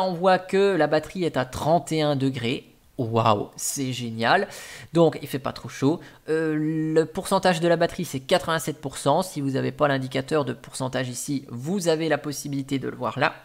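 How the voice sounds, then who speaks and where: A man's voice: a little high, creaky. Chatty man walking through a phone app. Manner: chatty, many fillers and restarts. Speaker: tech tutorial host. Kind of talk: casual screen-recording walkthrough.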